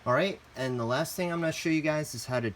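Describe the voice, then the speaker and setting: A fairly high-pitched male host talks quickly through a step-by-step product tutorial, casual and plainly instructive, addressing viewers as "guys." A little hiss or hum runs under the audio.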